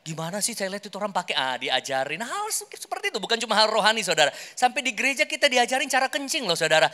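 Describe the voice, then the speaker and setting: A man's voice: sits high, big pitch swings, very fast, bright, forceful tone. A man preaching in a conversational way, often addressing his congregation directly and acting out short everyday examples. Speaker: pastor giving a workshop talk. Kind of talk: animated sermon teaching. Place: large hall, speaking to an audience. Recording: echoing hall with long reverb.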